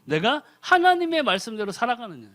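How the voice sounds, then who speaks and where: A man's voice: extremely high pitch, sing-song, fairly quick, fairly bright tone. A man preaching a sermon as a deacon, firing rhetorical questions at the congregation and mimicking people's prayers in mocking voices. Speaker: lay preacher, ordained deacon.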